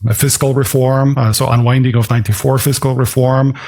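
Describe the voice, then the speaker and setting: Podcast guest, man from Switzerland, gravelly, analytical, mid-pitched. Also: flat delivery, a little fast, darkish tone. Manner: dense, analytical, many restarts. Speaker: guest, author and portfolio manager. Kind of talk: podcast interview.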